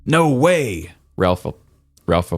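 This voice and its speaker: A man's voice: mid-range voice, very animated, extremely slow. A male podcast co-host heard through glitchy, warbling call audio. His words break up and repeat as the connection stutters. He talks in a playful, laughing way over the faulty line. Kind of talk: casual chat.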